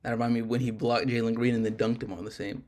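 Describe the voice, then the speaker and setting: A man's voice: medium pitch, level tone, quick pace, a little mellow. A man co-hosting a casual sports podcast, rambling and correcting himself as he talks. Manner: loose, rambling, self-correcting. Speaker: podcast co-host.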